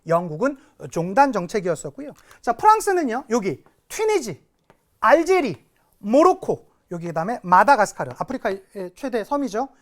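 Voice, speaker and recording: A man teaching a recorded history lecture, talking to students in a lively, dramatic way. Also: very high-pitched. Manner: lively, dramatic, reads quotes with big emotion. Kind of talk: recorded exam-prep lecture.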